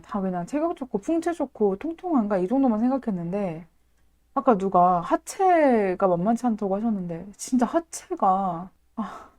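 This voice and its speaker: A woman hosting a casual live stream, excitable and dramatic, often laughing and reacting to viewer comments. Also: on the high side.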